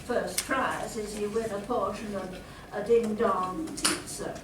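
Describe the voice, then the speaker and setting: A woman's voice: medium pitch, fairly even intonation, a little slow, natural voice. A woman playing a brash, folksy train conductor in a comic pantomime, with drawling, mock-official theatrical patter. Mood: chatty. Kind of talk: amateur comic pantomime stage acting. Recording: echoey hall from far off, noisy audience.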